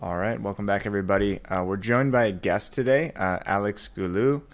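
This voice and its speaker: A man hosting a podcast, introducing a guest with many filler pauses. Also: fairly low pitch. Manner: many filler "uh"s, halting delivery. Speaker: podcast host.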